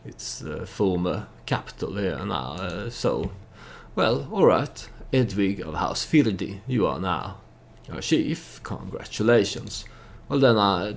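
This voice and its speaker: A deep-voiced man, recorded with a faint hiss or hum, gives casual commentary on a game he's playing. As a let's-play host and storyteller, he sounds hesitant, thinking aloud as he goes.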